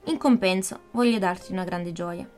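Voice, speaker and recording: A woman voicing an odd, teasing old godfather who chants a croaky, flat rhyme in a storybook reading. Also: lowish voice, normal speed, faint music behind, close to an everyday voice. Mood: wry.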